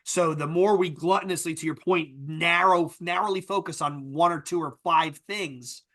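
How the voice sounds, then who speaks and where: A podcast co-host with a bright, slightly raised voice talks through ideas in a loose, explanatory way. He keeps tagging his points with "right?" as he builds them out. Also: on the high side, moderate pace. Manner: thoughtful, explanatory, repeats "right?". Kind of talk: casual discussion.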